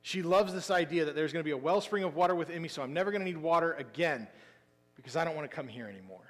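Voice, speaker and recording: A man preaching a sermon as pastor, telling the story with lively emphasis that drops into quiet asides. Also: fairly high pitch, racing. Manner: animated storytelling, swinging between loud emphasis and quiet asides. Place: church sanctuary. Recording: long hall reverb.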